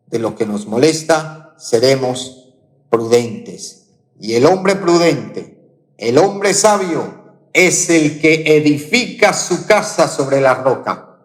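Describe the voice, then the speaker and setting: A Colombian man preaching a sermon, leaning on slow, emphatic repetitions. His voice sits somewhat high for a man and rings out with the long reverb of a church hall. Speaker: pastor. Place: church auditorium.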